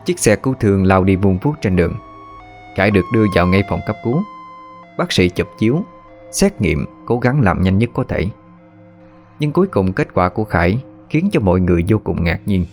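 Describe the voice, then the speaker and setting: Male narrator, deep-ish register, measured horror storytelling over faint music. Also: big pitch swings, a little mellow. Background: faint background music.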